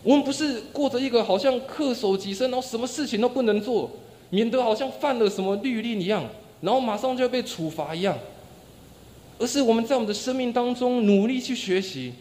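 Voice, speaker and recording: High-voiced male preacher in echoing church. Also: a little fast. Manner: storytelling with acted-out quotes, voice dropping soft and low at ends of phrases. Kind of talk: sermon. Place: church sanctuary. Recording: long church reverb.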